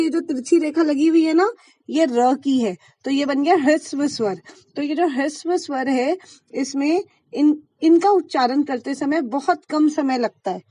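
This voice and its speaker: A woman's voice: high voice, darkish tone, no echo. A woman teaching a Hindi grammar lesson to schoolchildren. She explains patiently and asks the class questions, then answers them herself.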